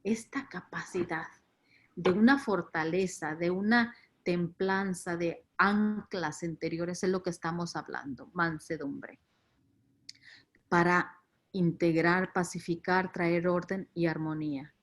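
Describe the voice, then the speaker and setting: A woman's voice: lowish voice, takes it slowly. Reflective Latin American woman teaching scripture. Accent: Latin American Spanish. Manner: reflective, repeats words and restarts, leans on key words. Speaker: faith formation leader.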